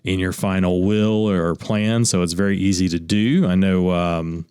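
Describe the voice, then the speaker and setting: A man's voice: deep voice, steady tone, a little slow, darkish tone, clean tone, no echo, studio quality. A man, an attorney co-hosting a radio show, talking casually about wills with easygoing restarts. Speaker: attorney co-host. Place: radio studio.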